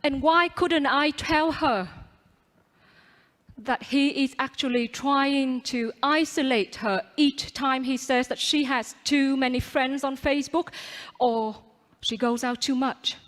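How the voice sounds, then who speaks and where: Female contest speaker, high voice, unhurried, theatrical and strongly projected delivery to a large auditorium. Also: fairly bright tone. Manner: projected, theatrical stage delivery with dramatic pauses. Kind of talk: rehearsed competition speech. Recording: echoing large hall.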